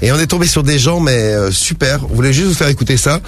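Fast-talking mocking radio host. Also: male voice, medium pitch, expressive, slight background noise. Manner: rapid, mocking and joking. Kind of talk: late-night radio banter.

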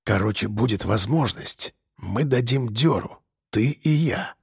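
A man's voice: medium pitch, expressive, unhurried, creaky, darkish tone, slightly rough, no room sound, studio quality, full character voice. A man voicing a scheming, streetwise male convict who talks in slang and presses with questions. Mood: wheedling.

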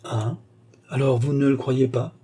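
A man reading aloud, voicing a timid, anxious young seamstress girl in a storybook with a soft, hesitant manner. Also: medium pitch, steady tone, a little slow, slightly rough.

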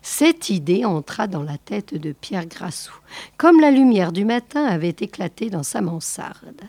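Slow measured woman reading a classic novel. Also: medium pitch, big pitch swings, dark tone, no echo. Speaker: audiobook reader. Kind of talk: literary reading.

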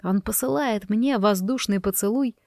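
A woman's voice: mid-range voice, normal speed, gravelly, a little mellow, no echo, clean studio sound. A woman reading a first-person audiobook in a tense, dramatic storytelling manner. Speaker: audiobook narrator.

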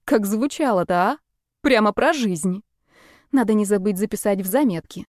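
A woman's voice: mid-range voice, normal speed, no room sound, studio quality. A woman reading a first-person story as an audiobook, with a wry, conversational manner. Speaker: narrator.

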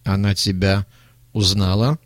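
A man voicing a suspicious, violent older male criminal who questions in slow, low, clipped words in a storybook reading. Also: level tone, no room sound, clean studio sound. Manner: slow, low, clipped interrogation, explodes into shouting.

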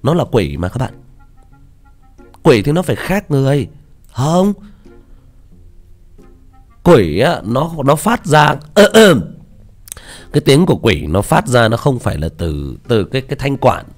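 A man's voice: mid-range voice, sing-song, measured pace, pauses often, faint music behind. A man, a story narrator, chatting casually about his voice acting, hesitant with many fillers. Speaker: audiobook narrator.

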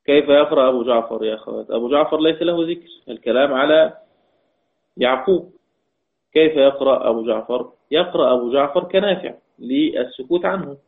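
A man teaching a recorded lesson on Quran recitation. He repeats key lines and quizzes his students, and chants the quoted verses slowly. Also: medium pitch, gravelly. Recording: tinny phone-like audio.

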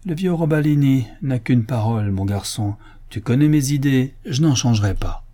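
A grieving old Corsican father, as a male narrator voices him in a storybook reading. He is stern and weary, speaking with weight and resolve. The voice is mellow and husky, with a warm, dark tone. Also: medium pitch, lively intonation, normal speed, pitched above the performer's own voice, close to an everyday voice. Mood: firm. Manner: grave, weary speech.

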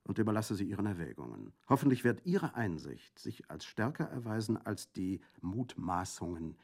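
A stiffly formal official, as a man puts him on, speaking with polite condescension in a raised, slightly higher voice. The tone is mellow and dark, and his phrasing stays measured and official. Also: big pitch swings, vocal fry, full character voice. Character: official French prefect, formal and patronizing. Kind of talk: audiobook reading.

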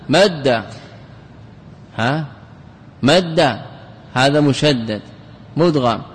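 A man, a sheikh teaching Arabic grammar, lecturing in class, repeating examples aloud and quizzing his students. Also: on the high side. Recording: reverberant hall recording, faint noise.

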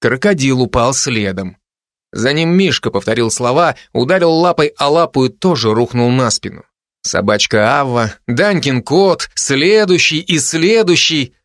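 A man narrating a children's fantasy story in an even, expressive reading. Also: mid-range voice, unhurried, no room sound, clean studio sound. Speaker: audiobook narrator.

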